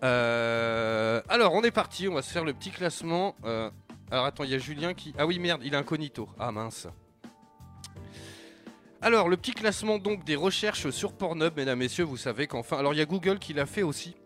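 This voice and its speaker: An excitable male radio host chats live from a studio, joking and slipping into slang. His voice sits a touch high and swoops around with a lot of life, with faint music under him. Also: a little fast. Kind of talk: live radio show chat.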